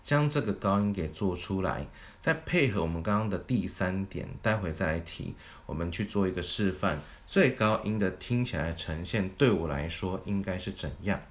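A man's voice: deep voice, expressive, moderate pace. A man teaching a singing lesson, explaining vocal technique methodically, step by step. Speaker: vocal coach.

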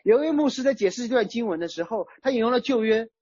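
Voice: mid-range voice, animated, fast talker, a little mellow, slightly rough, no echo, dull audio. A preacher giving a sermon in a conversational way, using everyday examples. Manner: conversational, uses everyday chat-group analogies. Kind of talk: sermon on a psalm.

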